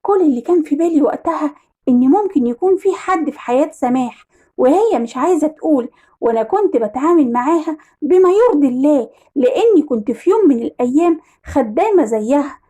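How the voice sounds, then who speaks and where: A woman with an Egyptian Arabic accent narrating a dramatic first-person story in a brisk manner. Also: high voice, animated, mellow.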